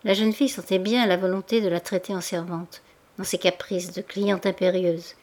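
A woman narrating a classic novel as an audiobook in a measured, even literary reading. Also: medium pitch. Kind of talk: scripted narration.

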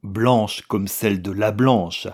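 A man's voice: fairly low pitch, takes it slowly, darkish tone, husky. A man playing a cold, cruel young husband who speaks in a detached, curt way.

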